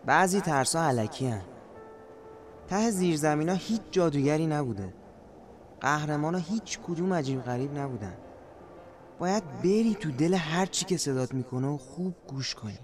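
Reflective, slightly high-voiced man, an actor's role. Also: lively intonation, faint music behind, close to an everyday voice. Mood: reassuring. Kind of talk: poetic audio drama acting.

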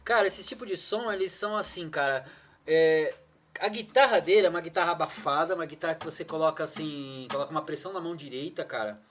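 A man's voice: fairly high pitch, fast talker, fairly bright tone, slight background noise. A man in casual chat, eager and slangy as he talks about music.

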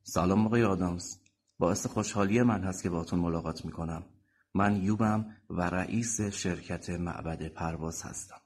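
A man's voice: fairly low pitch, lively intonation, darkish tone, slightly rough. Man voicing a firm, assured company chief. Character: confident male company chief, about forty.

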